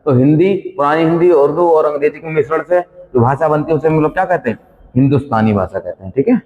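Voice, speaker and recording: A coaching teacher with a fairly high voice talks fast while running a quiz-style exam revision lesson. He reads each question and its options aloud, repeats them, then gives the answer, and the recording sounds dull with long reverb.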